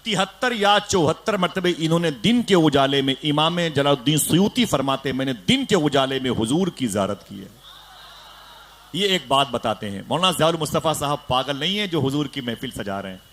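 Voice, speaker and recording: A man from India preaching an emotional sermon to a gathering, telling a story with hushed lows, sudden loud cries and calls to the crowd. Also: lively intonation, fairly quick, slight background noise. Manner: dramatic, swings from hushed to loud exclamations, calls on audience. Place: gathering for a religious celebration.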